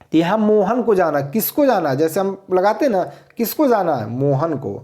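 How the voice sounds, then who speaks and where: A man's voice: high-pitched, sing-song, moderate pace, mellow. A man teaching a grammar lesson for exam students, explaining step by step and asking and answering his own questions.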